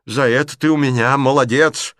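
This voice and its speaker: A man's voice: medium pitch, steady tone, moderate pace, a bit bright, no room sound, studio quality, pitched above the performer's own voice, close to an everyday voice. A man voicing a fiery old aunt. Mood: grumbling. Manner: scolding, blunt, agitated. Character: fiery, sharp-tongued elderly aunt, a woman.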